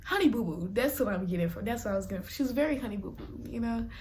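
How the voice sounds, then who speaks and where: Animated young woman telling a story. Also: fairly high pitch, racing, a little hiss or hum. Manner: animated, laughing, dramatic whispered asides. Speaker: vlogger. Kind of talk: casual storytime.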